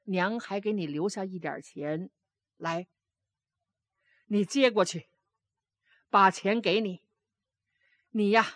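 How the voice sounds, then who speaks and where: A woman's voice: on the high side, dry recording, clean studio sound. A woman voicing a grieving old grandmother who scolds, then pleads with remorse.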